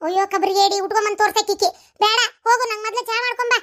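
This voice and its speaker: A woman with a North Karnataka Kannada accent playing a bossy, sharp-tongued older mother-in-law in a comic family skit, scolding and mocking. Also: very high-pitched, fairly even intonation, rapid-fire. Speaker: comedy sketch performer.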